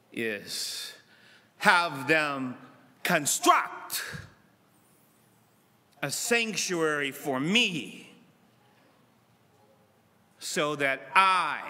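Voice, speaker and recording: A middle-aged man preaching a sermon from a church pulpit, acting out dialogue with dramatic swings between loud and soft. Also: mid-range voice. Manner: dramatic, voices God and Moses in lively asides. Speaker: pastor. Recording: long church reverb.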